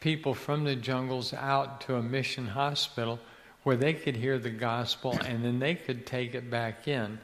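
In a faith interview, an older Ecuadorian man, the son of a missionary, tells stories as a guest, frequently searching for words and starting over. His medium-pitched voice is steady, a bit bright and moderately paced. The sound has a long hall reverb.

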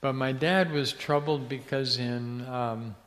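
Slow and steady, a mid-range, fairly bright male voice tells stories in a faith interview. The guest is an older man from Ecuador, a missionary's son, who often searches for words and restarts. The recording carries a long hall reverb.

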